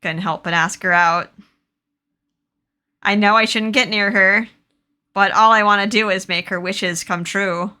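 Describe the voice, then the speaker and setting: A woman voicing a gentle, remorseful young man who acts as a guardian, reading game dialogue aloud in a soft, wistful way. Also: mid-range voice, fairly even intonation, unhurried, pauses often, clear, resonant tone. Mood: tender.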